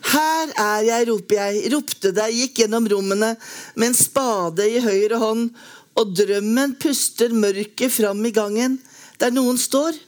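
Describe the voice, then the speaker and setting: A woman reading a lyric poem aloud in a slow, measured, lyrical way with long pauses. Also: a little high, fairly even intonation, darkish tone. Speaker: poetry reader.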